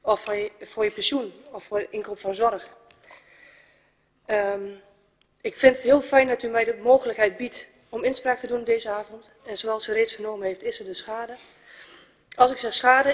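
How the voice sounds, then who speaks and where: A woman's voice: on the high side, breathy edge. A woman in her twenties, a resident giving a composed, earnest prepared statement at a council debate. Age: 20s. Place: council chamber. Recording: reverberant council chamber.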